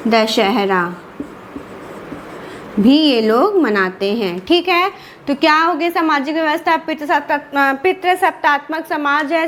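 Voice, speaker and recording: Slow, high-voiced woman teaching exam prep. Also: a bit bright. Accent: Indian Hindi. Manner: asks questions then answers them, repeats key terms slowly. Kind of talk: classroom lecture with repetition and revision.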